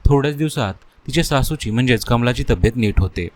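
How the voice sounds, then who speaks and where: A man's voice: medium pitch, animated, fast talker, darkish tone. A man narrating a children's cartoon story in a plain storytelling way, talking to listeners as friends.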